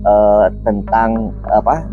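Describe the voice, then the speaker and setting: A man's voice: lowish voice, little pitch movement, takes it slowly, phone-quality sound, faint music behind. A man hosting a casual interview, often murmuring "hmm, iya" and asking short follow-up questions. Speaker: podcast host.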